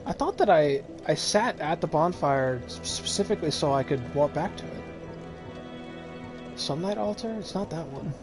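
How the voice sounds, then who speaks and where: A man streaming a video game talks loosely as he plays, piling up "um" and "like" and breaking into short chuckles. His voice sits a touch high for a man. Game music plays clearly under him the whole time. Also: animated. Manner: rambling, filler-heavy, quick chuckles. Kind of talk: casual gameplay commentary.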